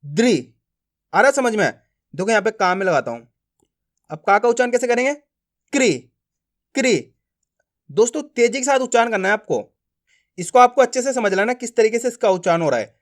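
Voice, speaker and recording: A man teaching beginners to read, speaking with friendly classroom prompts and slow, drawn-out syllables. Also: extremely high pitch, expressive. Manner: slow drilled pronunciation, repeated prompts to learners. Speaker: Hindi reading teacher. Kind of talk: classroom-style lesson.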